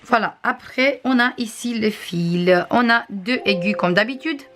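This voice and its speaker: A woman crafts vlogger with a non-native accent, casually reviewing and showing items to the camera, often pausing with hesitations. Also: a little high, fairly bright tone, faint music behind. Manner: chatty, frequent hesitations, shows items to camera.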